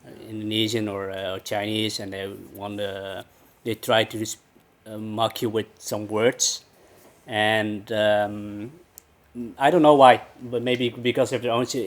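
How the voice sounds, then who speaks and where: A man in his thirties, born in the Netherlands, answering interview questions hesitantly with many pauses. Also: fairly low pitch. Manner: hesitant, many fillers, flat delivery. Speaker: guest, personal trainer. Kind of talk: casual interview.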